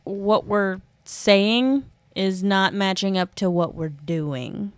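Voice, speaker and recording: A woman co-hosting a laid-back live stream, talking in an animated way and often breaking into exclamations. Her voice sits in an ordinary middle range and sounds dry and close to the mic. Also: medium pitch, slow, no room sound. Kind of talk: casual chat on a live stream.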